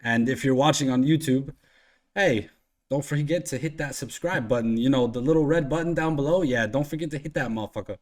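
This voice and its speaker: Rambling, swearing podcast host. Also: male voice, medium pitch, brisk. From Iceland. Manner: rambling, swearing, filler-heavy. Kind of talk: casual podcast chat.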